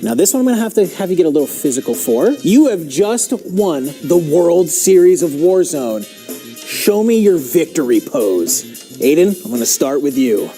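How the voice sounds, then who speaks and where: A man's voice: a little high, sing-song, normal speed, mellow, soft background music. Playful man hosting a game-show segment. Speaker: esports broadcast host and interviewer.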